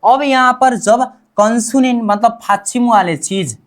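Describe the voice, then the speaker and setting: A woman's voice: fairly high pitch, unhurried. A woman teaching a language class, repeating sounds and asking and answering her own questions. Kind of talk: classroom-style language lesson.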